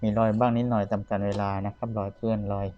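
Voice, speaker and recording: A man's voice: fairly low pitch, flat delivery, fast, dark tone, highs cut off. A man giving a casual product review as a seller demonstrating vintage audio gear. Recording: clear background noise, clicking buttons, radio bleed. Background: radio or tape of the demonstrated player.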